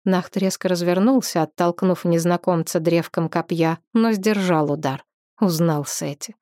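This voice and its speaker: A woman reading a novel aloud as narrator, measured and expressive. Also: on the low side, dry recording, studio quality. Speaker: audiobook narrator. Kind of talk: scripted narration.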